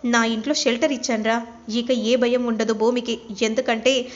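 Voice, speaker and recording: A woman's voice: on the high side, steady tone, normal speed, natural voice. A woman voicing an angry, protective middle-aged father who scolds harshly, in a retold serial story. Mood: scolding. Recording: dull lo-fi recording.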